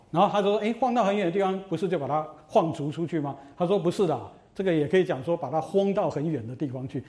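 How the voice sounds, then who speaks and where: A middle-aged university lecturer with a mellow, somewhat high voice. He tells old stories with lively asides and keeps asking the students rhetorical questions. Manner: animated storytelling, rhetorical questions.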